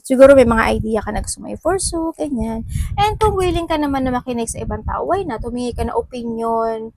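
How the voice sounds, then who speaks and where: A woman's voice: fairly high pitch, a little hiss or hum, low-quality recording. Chatty woman reading tarot. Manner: chatty, mixing Tagalog and English, with frequent fillers and asides. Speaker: tarot reader. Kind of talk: casual tarot reading monologue.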